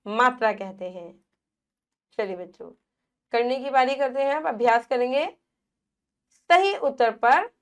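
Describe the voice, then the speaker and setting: A woman teacher with a high voice walks young children through a grammar lesson. She talks slowly and stretches each syllable as she sounds it out. She keeps asking a question and then giving the answer herself. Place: classroom. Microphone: device at a smart screen.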